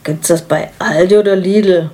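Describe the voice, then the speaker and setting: A woman's voice: fairly low pitch, steady tone, moderate pace, mellow, natural voice. A woman reading the lines of a laid-back, distracted middle-aged husband, speaking in a dry, matter-of-fact way. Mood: offhand.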